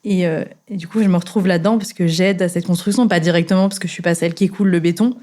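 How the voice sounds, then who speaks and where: A woman's voice: fairly low pitch, steady tone, quick pace, dark tone. A woman in her twenties from France, a young engineer chatting casually as a guest, with many fillers and restarts. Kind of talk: casual chat.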